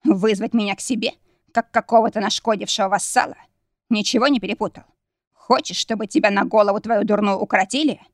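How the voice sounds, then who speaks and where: A woman narrator voicing a proud, angry male emperor who speaks in a booming, indignant way. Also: steady tone, fairly quick, no echo, studio quality, lightly acted.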